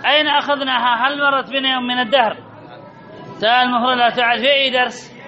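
A man's voice: very high-pitched, flat delivery, quick pace, crowd noise. A man teaching a grammar lesson, repeating rules and quizzing his listeners with questions. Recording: dull lo-fi recording with audience murmur.

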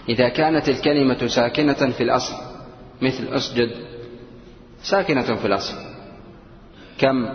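A man teaching a lesson in a slow, explanatory way, asking and answering his own questions and chanting the verses he uses as examples. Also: medium pitch. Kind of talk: Quran recitation rules lesson. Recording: dull, roomy echo with long reverb.

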